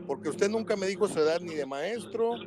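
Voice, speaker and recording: A man's voice: sits high, a little fast, crowd noise. Effusive radio host in his sixties. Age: 60s. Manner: effusive, formal and flattering. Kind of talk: radio interview.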